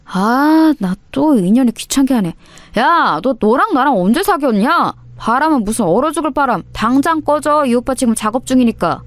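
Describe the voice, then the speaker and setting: A woman's voice: on the high side, expressive, normal speed, clean tone, no room sound, close to an everyday voice. A woman voicing a menacing teenage male school bully who talks in threats, in an audio story. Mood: menacing swagger. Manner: threatening, swaggering.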